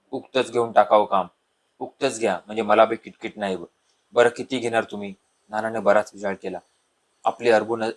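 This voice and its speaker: A man reading a humorous village story aloud, lifting his voice for the characters' lines. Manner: voices the dialogue with louder, higher bursts.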